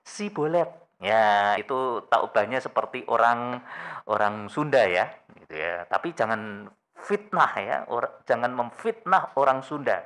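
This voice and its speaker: A man's voice: mid-range voice, fairly bright tone. A male pastor preaching a sermon, telling a story with rhetorical questions and humorous asides.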